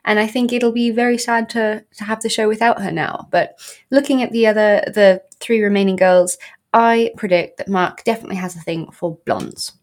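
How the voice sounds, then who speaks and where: A woman co-hosts a casual podcast, chatty and full of fillers, speaking at a moderate pace in a steady, medium-pitched voice. Her voice sounds a little worn, as she's losing it a bit.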